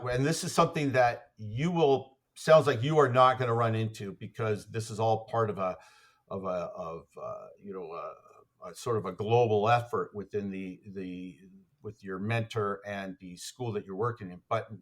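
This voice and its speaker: A man's voice: on the low side, measured pace, a bit bright. A man, an athletics coach, telling stories as a podcast guest in a rambling way, full of fillers and restarts. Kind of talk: casual conversational storytelling.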